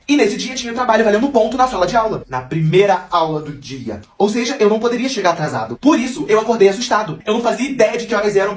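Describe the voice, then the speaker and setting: A man telling a gossipy school story in an animated, chatty way. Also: high-pitched, roomy sound. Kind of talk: casual spoken storytelling.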